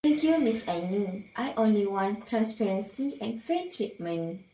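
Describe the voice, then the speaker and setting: An aggrieved female patient played by a woman speaks in a mid-pitched voice. Her delivery is formal and scripted, as in a role-play, with room echo around it. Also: lively intonation, unhurried, mellow. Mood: polite, insistent. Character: aggrieved female patient wanting fair treatment. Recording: roomy echo.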